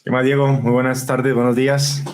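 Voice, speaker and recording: A chatty man with a medium-pitched voice talks a little fast, with slight background noise. Born in Colombia and raised in northern Spain, he's a marketing specialist appearing as a guest on a conversational podcast interview, relaxed and talkative with frequent fillers and restarts.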